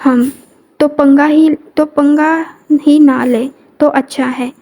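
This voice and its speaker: A woman's voice: high-pitched, fairly even intonation, warm tone. A woman reading the lines of an easygoing young male friend in a scripted audio novel, casual and teasing.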